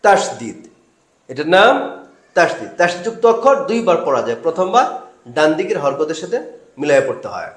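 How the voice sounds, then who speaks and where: A man's voice: on the high side, big pitch swings, brisk, echoey room. A man teaching Quran recitation step by step, asking questions and answering them himself.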